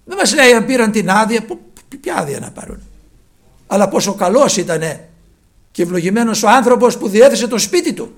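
High, gravelly man preaching a sermon. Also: animated. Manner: fervent preaching, phrases sinking to a hushed low close.

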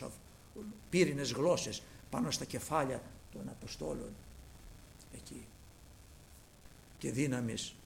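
A man preaching a sermon, telling scripture stories with passion, swinging from loud declamation to hushed reverence. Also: medium pitch, creaky, a little hiss or hum. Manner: impassioned, dramatic storytelling with swings from loud to hushed.

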